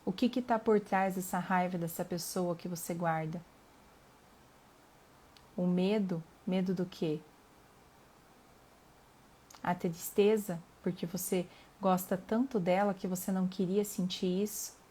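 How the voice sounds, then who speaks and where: A middle-aged woman with a Brazilian accent, hosting a reflective live talk on emotions and reading passages aloud in a calm, earnest way. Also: fairly low pitch, breathy edge. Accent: Brazilian Portuguese. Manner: calm and earnest, pausing with fillers, asking the listener questions.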